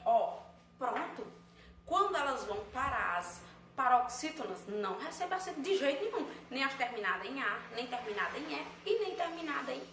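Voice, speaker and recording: A woman's voice: fairly high pitch, a bit bright. A woman teacher with a Brazilian Portuguese accent, explaining a review lesson step by step and answering her own questions. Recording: echoey room, faint ambient noise.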